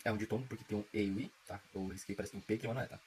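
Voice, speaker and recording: A man's voice: on the low side, steady tone, racing, a little mellow, slight background noise, low-quality recording. A man from Brazil, giving a casual grammar lesson, chatty and informal, often checking in with the listener. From southern Brazil. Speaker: teacher.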